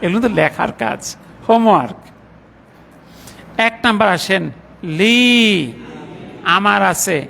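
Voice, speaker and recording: A middle-aged man teaching a grammar class in a mosque, patiently reciting word forms slowly one by one. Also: high voice, lively intonation, creaky, a bit bright. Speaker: Arabic teacher.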